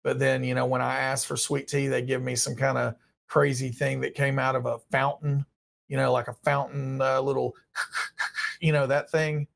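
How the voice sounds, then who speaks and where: With his voice partly gone, a thirties-aged man runs a live viewer question stream in a small dim room, reading questions aloud and replying offhandedly and at length. He speaks at a moderate pace in a medium-pitched, creaky, fairly bright voice with little pitch movement.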